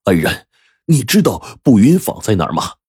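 A man voicing a burly frontier soldier who shouts furious accusations in a husky, raised voice. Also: on the low side, very animated, moderate pace, heavily acted. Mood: urgent. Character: angry burly male soldier seeking revenge.

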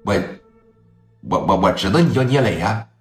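A man's voice: on the low side, animated, normal speed, voice pushed down, close to an everyday voice. A man voicing a stubborn fish seller near fifty who complains indignantly. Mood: aggrieved. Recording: echoey room, faint music.

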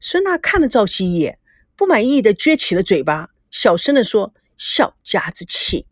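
A woman narrating an audiobook novel in an expressive, lilting way. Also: mid-range voice, normal speed, no echo, clean studio sound.

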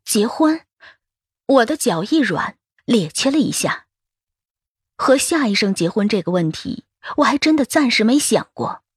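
Breathy, lively woman narrating a story. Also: a little high, normal speed, no echo, studio quality. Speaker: audiobook narrator. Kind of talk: first-person scripted narration.

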